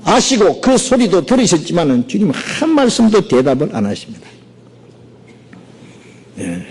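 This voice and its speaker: A male pastor preaching a sermon, animated and often checking in with his listeners through quick rhetorical asides. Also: sits high, slightly rough, poor audio. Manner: animated, peppers talk with rhetorical "예?".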